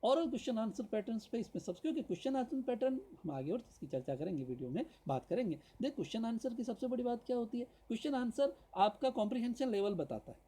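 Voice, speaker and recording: Hindi-speaking male teacher, mellow husky voice. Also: very high-pitched, expressive, poor audio. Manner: explains in Hindi, reads English points slowly; addresses viewers directly with tag questions. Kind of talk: teacher-training lecture.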